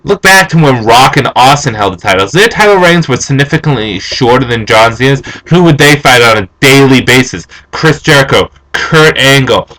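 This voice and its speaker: Animated young man ranting about wrestling. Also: mid-range voice, normal speed, hardly any pauses, low-quality recording. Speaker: vlogger. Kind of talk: casual opinion rant.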